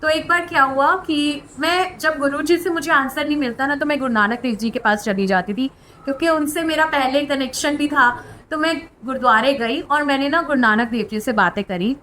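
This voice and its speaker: High-voiced woman telling a heartfelt devotional story. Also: moderate pace, a little hiss or hum. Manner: earnest, heartfelt storytelling with soft filler words. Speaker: devotee sharing spiritual experiences. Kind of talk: devotional testimony.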